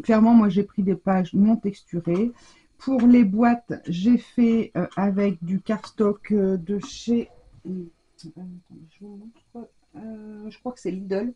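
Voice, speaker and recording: A middle-aged woman hosts a casual craft tutorial, talking in a chatty, hesitant way full of small fillers. Her voice is mellow and warm with a husky edge. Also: medium pitch. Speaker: crafting channel host.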